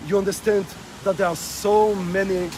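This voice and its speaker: A man's voice: sits high, level tone, moderate pace. A man being interviewed outdoors on a rainy street, speaking emphatically and repeating himself as he presses his points. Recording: street noise and passing cars.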